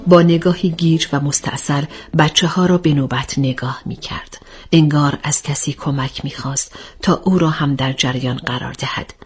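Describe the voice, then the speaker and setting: A woman's voice: deep voice, steady tone, slightly rough, soft background music. A woman narrating a story aloud, reading expressively and steadily.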